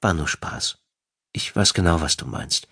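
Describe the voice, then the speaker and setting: A man's voice: deep voice, unhurried, sharp tone, slightly rough, dry recording, studio quality, exaggerated voice. A man voicing a playful, teasing wife in an audiobook, speaking in a raised, lighter voice. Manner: playful, needling, then caring. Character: teasing affectionate wife, adult woman. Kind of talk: audiobook dialogue.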